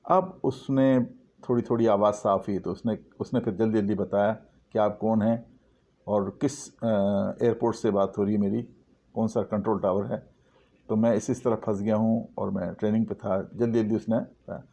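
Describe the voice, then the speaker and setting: A man telling a story in a casual, dramatic way, acting out the lines in a hushed voice. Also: lowish voice, fairly even intonation. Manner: dramatic, acts out dialogue in hushed voice. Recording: dull lo-fi recording.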